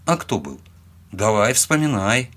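A man's voice: fairly low pitch, very animated, unhurried, fairly bright tone. A man voicing a ruthless young man who gives curt, clipped commands. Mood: cold.

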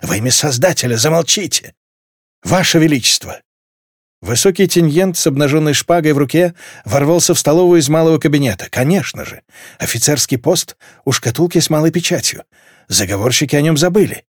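A man reading a novel aloud as an audiobook narrator, with expressive, varied storytelling. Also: a little high, brisk, slightly rough, dry recording, studio quality. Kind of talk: scripted narration.

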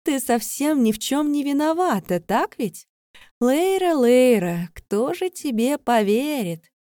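A raised, taunting young woman's voice cuts in with mocking accusations, as a woman reader puts her on. The tone rides high and loud over a mellow underlying timbre. The recording is dry and close, with no room sound. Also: extremely slow, no room sound.

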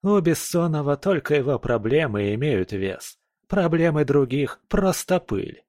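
A man's voice: a little high, big pitch swings, a little slow, a little mellow, no room sound, clean studio sound, voice pushed up. A man doing a whiny, hungover male friend. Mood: sarcastic. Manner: moaning, self-pitying.

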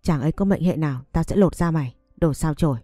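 A woman's voice: low voice, fast talker, warm tone, no echo. A woman reading the lines of a haughty young princess in a harsh, commanding way. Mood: frantic. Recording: dry close recording, faint music behind.

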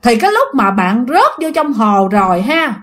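A woman narrating a ghost story in a spoken recording. She talks straight to her listeners, her high voice swinging widely up and down. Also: moderate pace. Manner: animated, addresses listeners directly.

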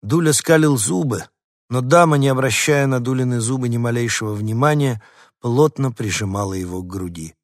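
A man narrating a storybook aloud in the first person, lively and expressive. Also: medium pitch, moderate pace, no echo, studio quality. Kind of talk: audiobook storytelling as the dog.

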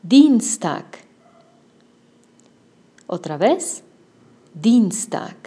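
Slow, patient woman teaching German words. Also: medium pitch, very animated, warm tone. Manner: patient, clearly enunciating drill prompts. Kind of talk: slow language lesson with repetition drills.

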